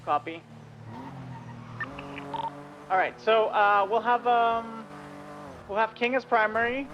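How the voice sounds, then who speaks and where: A man playing a police officer, giving orders and callouts over a walkie talkie radio, halting, with many fillers and restarts. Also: high voice. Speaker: police officer leading a pursuit. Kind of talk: roleplay radio traffic. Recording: muffled lo-fi radio with hiss.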